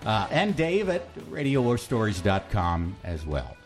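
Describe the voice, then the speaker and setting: An older American man with a creaky vocal fry, chatting casually as a podcast host. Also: fairly low pitch, huge pitch swings, a little slow, faint music behind. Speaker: podcast host and radio veteran. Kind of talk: casual storytelling chat.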